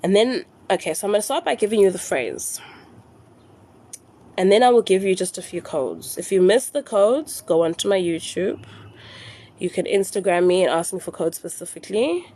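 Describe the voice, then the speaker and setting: A South African woman hosting a phone live stream, explaining rituals slowly and repeating her instructions, slipping into Zulu phrases. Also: medium pitch, lively intonation, mellow. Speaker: spiritual live-stream host.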